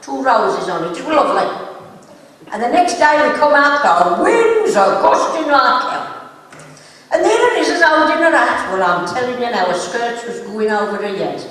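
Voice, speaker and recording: A woman's voice: on the high side, lively intonation, moderate pace, fairly bright tone. A woman telling gossipy comic stories on stage and laughing at her own jokes. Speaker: stand-up comic. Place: live stage show in a hall. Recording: echoey hall from far off.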